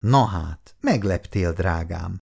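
A man reading an audiobook voices an easygoing man who talks in a gentle, coaxing way. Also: sits low, lively intonation, creaky, breathy edge, full character voice.

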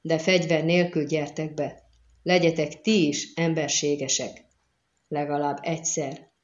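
A fierce young swordswoman, cold and bitter in her contempt, voiced by a woman narrator. Her voice sits low, and the audiobook recording sounds muffled and lo-fi. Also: steady tone, natural voice.

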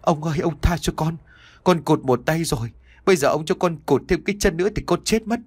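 A terrified young servant, as a male reader plays him in an audio story, his voice pushed high and lively as he begs in panic. The recording is dry and close. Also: moderate pace, breathy edge, no room sound. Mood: pleading. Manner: pleading, panicked. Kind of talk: audiobook character voice.

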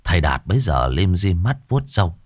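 A man narrating a ghost story in a dramatic, expressive way. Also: deep voice, fairly quick, husky, dry recording, studio quality.

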